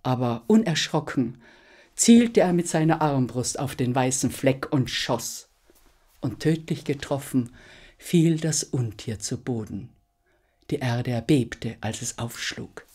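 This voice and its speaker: A woman storyteller performing a fairy tale aloud, expressive and measured. Her pace is slow and unhurried, and her voice carries a soft, breathy edge. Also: very deep voice.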